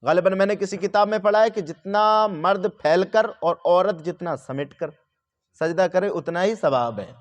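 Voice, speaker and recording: A man giving religious instruction, patiently explaining each step and repeating letters and phrases for his listeners. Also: sits high. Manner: patient, repeats and spells out sounds. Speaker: religious teacher.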